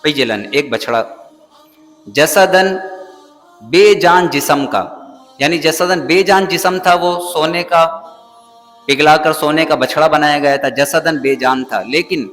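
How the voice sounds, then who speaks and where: A man from Pakistan teaching a Quran lesson in a mosque, with a slightly high voice for a man. He chants each verse in a melodic recitation, then shifts into plain explanation. His voice rings in a long hall reverb, with faint music underneath. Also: pauses often, fairly bright tone. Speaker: Islamic scholar teaching the Quran.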